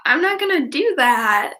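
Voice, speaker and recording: A young woman with a stuffy, congested nose leads a stretching class from a room at home, chatty and rambling, with many ums and easy laughter. Her voice is high-pitched and sharp, and the indoor recording is reverberant.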